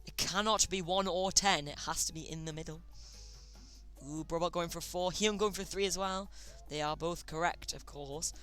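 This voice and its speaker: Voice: medium pitch, fairly even intonation, moderate pace, a bit bright, soft background music. A streamer casually hosting a chat game live, chatty and often tripping over words.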